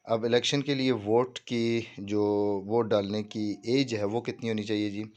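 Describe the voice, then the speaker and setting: In this informal screen walkthrough, a man with a Pakistani accent explains things step by step in a lowish, steady, slightly slow and mellow voice. He mixes in English terms and keeps repeating reassuring phrases to check that listeners are following along.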